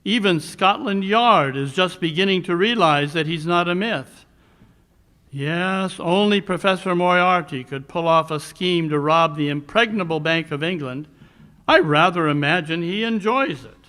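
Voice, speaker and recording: A man playing a cool, commanding detective in a live 1940s-style radio mystery, speaking formally and deliberately with dry superiority. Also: high voice, sharp tone. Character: Sherlock Holmes, cool, commanding, dryly superior male detective.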